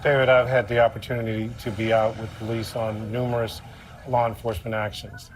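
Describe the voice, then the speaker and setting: A male American correspondent with an average-pitched voice gives live news analysis. His delivery is grave and deliberate, leaning on key words for emphasis. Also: little pitch movement, a little hiss or hum, poor audio.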